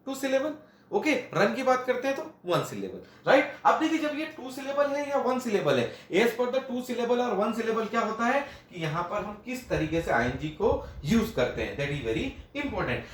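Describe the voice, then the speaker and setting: Lively high-voiced teacher, echoey room. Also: male voice, normal speed. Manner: repeats points, asks and answers his own questions; mixes Hindi with English phrases. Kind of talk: classroom grammar lesson. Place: classroom at a board.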